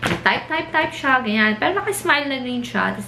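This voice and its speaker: A young woman from the Philippines chats through a casual vlog story with a Filipino accent, slipping between Tagalog and English. Her voice sits a little high and she laughs often. Faint room ambience hums behind her. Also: big pitch swings, moderate pace, reverberant, noisy background. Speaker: vlogger.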